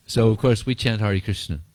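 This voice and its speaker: A man with a deep, low voice teaches a small group in an easygoing, rambling way. He chuckles often and repeats words as he tells stories. The sound is dry and close. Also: a little mellow, dry recording. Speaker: spiritual teacher answering questions. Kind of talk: informal talk and Q&A.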